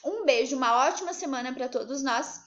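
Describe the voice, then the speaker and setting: A woman teaching a remote class to young children, lively and coaxing, asking many questions. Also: high voice, fairly quick. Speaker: primary school teacher. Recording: slightly dull lo-fi recording.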